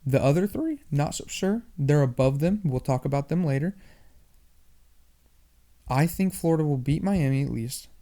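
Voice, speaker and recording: Fast-talking young man, dark voice. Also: a little high. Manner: animated, talks fast, repeats himself. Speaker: podcast host. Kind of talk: casual sports podcast monologue.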